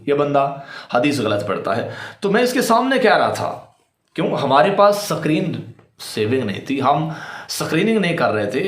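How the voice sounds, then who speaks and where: A man's voice: a little high, reverberant. A man, a cleric and debater, giving polemical commentary to his audience in a scornful, repetitive, mocking way.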